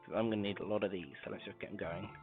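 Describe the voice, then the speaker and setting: A man streaming a game, talking softly and muttering to himself as he crafts, his grainy voice muffled as if heard through a wall. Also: lowish voice, fairly even intonation, rapid-fire. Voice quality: grainy voice when quiet. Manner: talks softly, mumbling to himself while crafting. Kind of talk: casual live-stream gameplay commentary. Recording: muffled phone-like mic with faint music.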